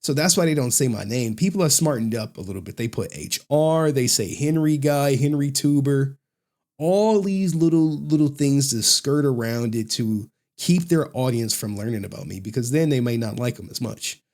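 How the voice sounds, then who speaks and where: An American man giving casual, mocking commentary, animated and often repeating phrases for emphasis. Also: medium pitch, normal speed. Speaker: online commentator.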